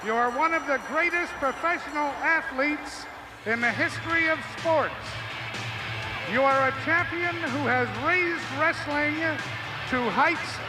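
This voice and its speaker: A league president reads a ceremonial tribute in a formal, measured voice that sits very high for a man. Music runs beneath his words. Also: poor audio.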